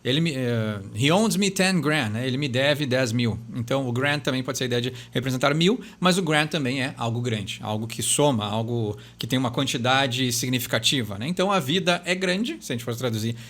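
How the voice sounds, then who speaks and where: A man's voice: mid-range voice, brisk, few pauses, fairly bright tone. A man with a Brazilian Portuguese accent who explains song lyrics in a casual, chatty way, thinking aloud and tagging his sentences with a questioning "né".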